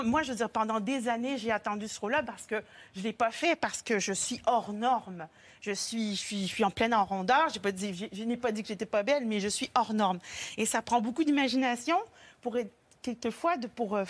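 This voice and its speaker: A woman's voice: on the high side, a little fast. A woman opera singer with a Québécois accent, chatting animatedly as a TV guest, laughing often. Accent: Québécois French. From Quebec. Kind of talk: lively talk-show chat. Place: TV studio.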